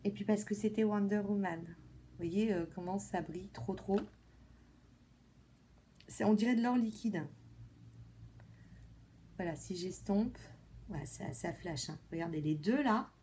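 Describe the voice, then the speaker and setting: A woman vlogger chatting casually through a makeup product review, repeating words often and filling pauses with many fillers. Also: medium pitch, a little mellow, a little hiss or hum. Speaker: beauty vlogger.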